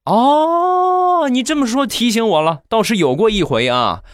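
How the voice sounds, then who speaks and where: A man's voice: very high-pitched, animated, measured pace, dry recording, clean studio sound, voice pushed up. A man voicing a blunt old village mother who scorns her grown son, speaking in an offhand, mocking tone. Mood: dismissive.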